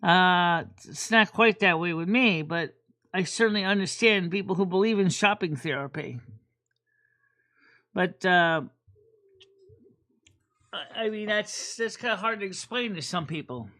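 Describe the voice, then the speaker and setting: Bright-voiced woman hosting a rambling chat. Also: on the low side, a little slow, long pauses. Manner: rambling, repeats words while thinking aloud. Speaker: host. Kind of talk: casual livestream chat.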